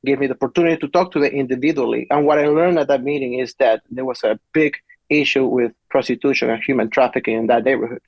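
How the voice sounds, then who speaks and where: A man, giving a webinar presentation as a city planner in a halting way with many restarts. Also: medium pitch, steady tone, no echo. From Peru. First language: Spanish. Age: 40s. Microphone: video call. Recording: dull lo-fi webinar audio.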